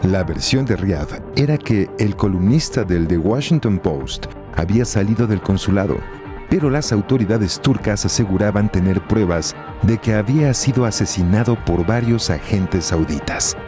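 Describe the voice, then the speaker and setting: A man's voice: on the low side, expressive, moderate pace. A man reading scripted documentary narration in the manner of a true crime news report. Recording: music bed under the voice. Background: music.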